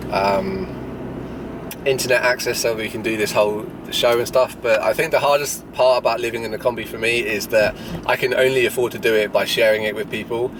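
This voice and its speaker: A low-pitched man in his 30s from Jersey in the Channel Islands hosts a travel vlog, chatting casually in a question-and-answer style while driving outdoors. He's recorded by an action or small camera in the vehicle, sitting far from the mic, and engine and road noise fill the moving car.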